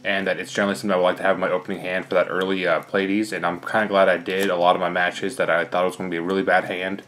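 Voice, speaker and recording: A man's voice: low voice, little pitch movement, racing, a bit bright. A young man, slightly out of breath, casually talking through his card deck with lots of fillers. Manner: rambling, many fillers. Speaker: card game player.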